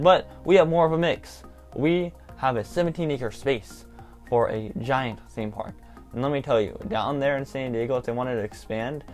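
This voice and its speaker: This young adult man, nineteen, rambles with excitement through his laid-back theme park vlog, peppering it with "like." He speaks at a medium pitch with a somewhat dark quality.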